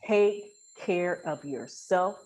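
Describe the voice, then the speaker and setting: A woman hosts a casual, faith-centred podcast conversation, speaking in an informal, emphatic way with everyday colloquial phrasing. Her fairly low voice is darkish in tone and very slow, with a little hiss or hum in the recording.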